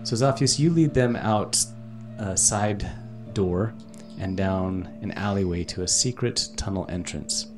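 Middle-aged dad as game master, deep voice, patient, keeps explaining the rules to the kids. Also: male voice, a little slow, hardly any pauses, music in the background. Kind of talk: running a family tabletop game.

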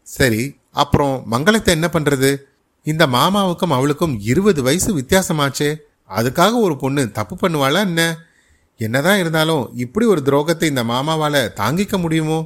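A man narrating a short story as a podcast storyteller, in a steady, measured reading. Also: a little high.

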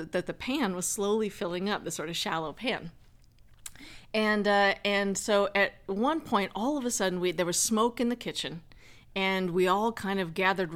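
A woman in her thirties telling a personal anecdote casually, chatty and wry with asides. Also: mid-range voice. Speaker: storyteller.

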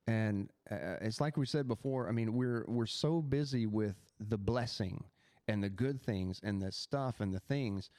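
A man hosting a podcast, telling a personal spiritual experience in an animated, halting way with many restarts. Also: fairly low pitch, no echo, studio quality. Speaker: podcast host.

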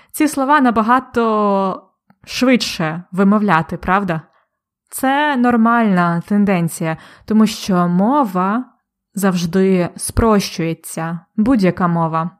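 A woman teaching a language lesson, speaking deliberately and clearly and repeating each example word. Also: mid-range voice.

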